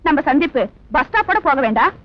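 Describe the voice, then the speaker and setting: Teasing flirty phone operator. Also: female voice, sits high, big pitch swings, fast talker. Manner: teasing, playful. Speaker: telephone operator. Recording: dull old film soundtrack with music.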